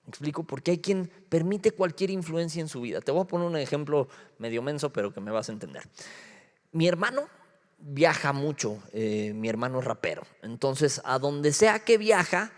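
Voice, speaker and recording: Slangy young pastor with a Mexico City accent. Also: male voice, on the high side, lively intonation, moderate pace. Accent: Mexico City Spanish. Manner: joking, slangy, peppered with rhetorical check-ins. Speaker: youth pastor. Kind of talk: casual youth sermon. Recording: long hall reverb.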